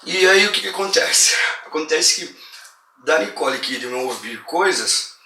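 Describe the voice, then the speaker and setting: Brazilian guy telling a horror movie story, slangy and lively, bright voice, echoey room. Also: a little high, unhurried, recorded from a distance. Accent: Brazilian Portuguese. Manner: slangy, animated retelling that acts out quoted lines. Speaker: horror film reviewer. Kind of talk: casual film recap. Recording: roomy echo, voice a bit off-mic, faint hiss.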